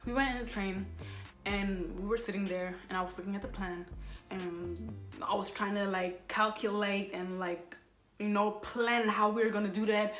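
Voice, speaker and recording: Her mid-range voice is a bit bright as she, a young vlogger with Somali as her first language, tells an exasperated, rambling casual story and keeps fixing her own words. Faint background music and a roomy echo fill the recording.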